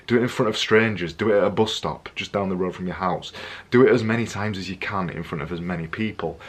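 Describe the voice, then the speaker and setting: A young man with a low, slightly husky voice gives presentation tips straight to camera. He talks energetically and jokes around, hammering his points home by repeating them. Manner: energetic, jokey, repetitive emphasis. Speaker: vlogger giving presentation tips. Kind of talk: casual to-camera vlog.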